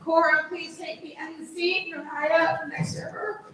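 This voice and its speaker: A woman organizing a spelling bee, giving brisk and upbeat instructions to contestants on stage. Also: very high voice, level tone. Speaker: event organizer. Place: large echoey hall or auditorium. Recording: echoey hall recorded from far off, loud noise.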